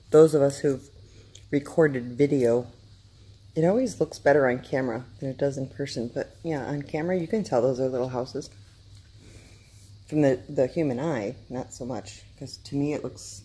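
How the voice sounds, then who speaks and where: A woman chats at home in a low, mellow voice. She rambles and often restarts her sentences, chewing food between thoughts as she shows off her crafts. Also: husky. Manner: rambling, self-interrupting, chatty. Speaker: vlogger. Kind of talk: casual chat to camera. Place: home, downstairs room.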